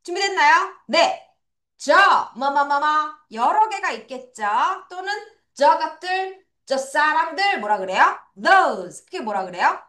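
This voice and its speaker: A woman's voice: sits high, very animated, unhurried, sharp tone. A woman teaching English vocabulary to children, drilling pronunciation with playful sound words. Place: academy classroom or studio. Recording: echoey room.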